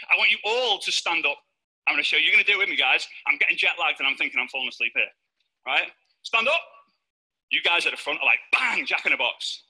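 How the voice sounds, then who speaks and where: A man giving a high-energy, playful motivational talk on stage to a live audience. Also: sharp tone, slightly rough, poor audio. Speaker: motivational speaker.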